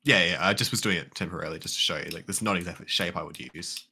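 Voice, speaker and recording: A man's voice: deep voice, very fast, sharp tone, slightly rough. An Australian man chatting casually while building in a game, rambling eagerly through ideas. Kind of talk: casual gaming chat.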